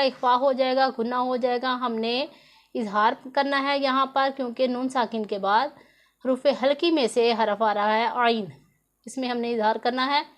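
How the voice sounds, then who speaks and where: A woman teaching Quran reading rules in a tutorial lesson, patiently repeating and drawing out each example word. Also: high-pitched. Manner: slow and patient, drawing out example words syllable by syllable.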